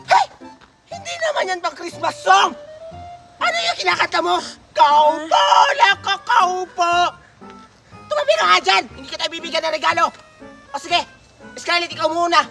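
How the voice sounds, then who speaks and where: A woman playing a bossy, scolding older woman who hands out gifts, in a shouty comedy-skit style. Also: very high-pitched, expressive, a little fast, creaky, long pauses, soft background music, heavily acted.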